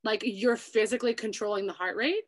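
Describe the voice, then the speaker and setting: A woman's voice: on the high side, fairly quick. A young woman hosting a casual chat, talking loosely with lots of filler words. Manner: chatty, many "like" fillers. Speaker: YouTube host. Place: New York City.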